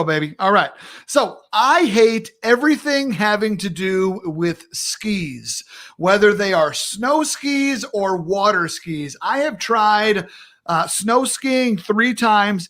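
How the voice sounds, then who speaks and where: A male talk show host with a high voice, chatting casually on a live stream from home. He is upbeat and playful and laughs easily, like he is talking with a friend over a video call. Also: animated, takes it slowly, a bit bright. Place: home in Minneapolis.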